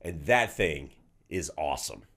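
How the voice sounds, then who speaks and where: A man's voice: very deep voice, measured pace. A man, co-hosting a casual podcast chat and laughing often. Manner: animated, laughs often, drawls. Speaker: podcast co-host.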